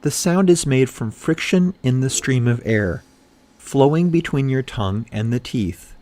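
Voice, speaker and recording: A man narrating a scripted pronunciation drill in a measured, carefully enunciated way. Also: mid-range voice, lively intonation, a little mellow.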